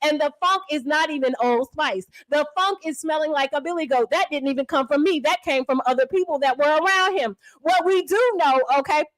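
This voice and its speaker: A woman's voice: high-pitched, fairly quick, few pauses, no room sound, low-quality recording. A woman hosting a livestream, giving sassy, mocking gossip commentary to her chat and calling viewers honey and baby. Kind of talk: casual commentary to a live chat.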